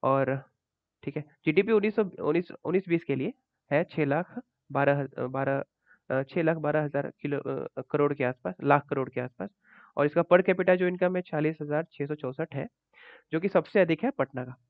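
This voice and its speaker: A man with a voice on the high side teaches exam current affairs over slides at a normal speed. His style is conversational, with repeated points and frequent "ठीक है" check-ins, and the audio is tinny, phone-like, and dry, with no room sound.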